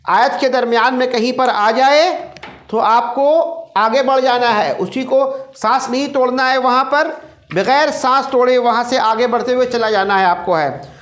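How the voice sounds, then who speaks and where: A male recitation teacher lectures a class, repeating every rule and quizzing his students. His voice is very high and a bit bright, measured in pace, with roomy echo in the recording.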